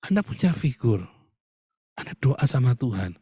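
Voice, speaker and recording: A man's voice: mid-range voice, sing-song, normal speed, dark tone, husky, dry recording, clean studio sound. Man preaching a sermon. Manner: addresses the congregation as "Saudara" often, with humor and laughs. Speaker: pastor.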